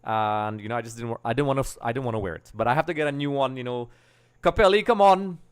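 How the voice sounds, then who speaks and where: His voice is medium-pitched and clean, and he talks at a racing clip. The middle-aged Trinidad and Tobago native is hosting a football watch-along livestream, chatting loosely and ramblingly with viewers from a small home streaming room through a boom-arm desk mic.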